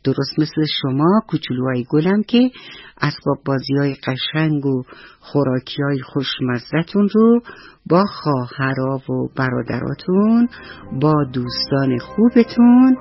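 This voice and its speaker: A woman telling a bedtime story to children on the radio, speaking gently and addressing the kids directly. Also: rumbling low, lively intonation, slightly rough, no room sound, faint music behind. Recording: dull dry radio recording.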